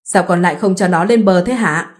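A woman's voice: lowish voice, brisk, lightly acted. A woman voicing an older village mother who fusses and scolds in a read-aloud story. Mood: scolding. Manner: scolding, fussing.

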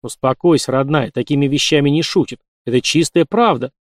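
A cocky young soldier teases in a smooth, easy way, as a male narrator reads him. The voice sits slightly high. The sound is dry and close. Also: fairly quick, dry recording, lightly acted. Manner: joking, smooth.

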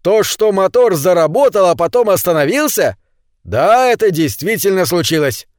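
A man's voice: sits high, sing-song, normal speed, a little mellow, no room sound, clean studio sound, voice pushed up. A man reading an audiobook, voicing a peaceful homeowner who pleads and defends himself before his neighbors. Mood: defensive anxious. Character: peaceful middle-aged man, anxious then defiant.

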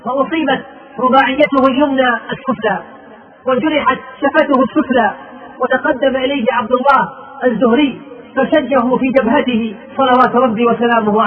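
A man giving a sermon as a preacher, telling the story with fervor and quoted speech. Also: very high-pitched. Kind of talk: sermon narrating early Islamic battle history. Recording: tinny phone-like recording.

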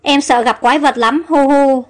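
A woman's voice: sits high, steady tone, moderate pace, soft background music, close to an everyday voice. A woman reading the part of a frightened young maidservant who whimpers with fear, within a storybook audio tale. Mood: scared. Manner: scared, whimpering.

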